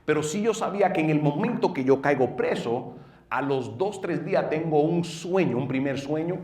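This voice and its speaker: A middle-aged man with a Dominican accent, a pastor telling his personal testimony in an earnest way, going from loud bursts to low murmurs. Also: animated, normal speed. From northeastern United States. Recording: roomy sound from a distant mic.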